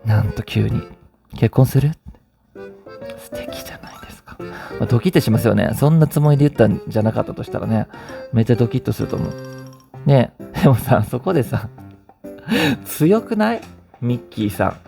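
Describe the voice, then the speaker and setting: A man's voice: medium pitch, expressive, fairly quick, creaky, dark tone, faint music behind. A man with a Kansai Japanese accent hosting a vlog, chatting casually and playfully while reading out listener stories. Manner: chatty and playful, often laughing and teasing. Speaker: vlog host.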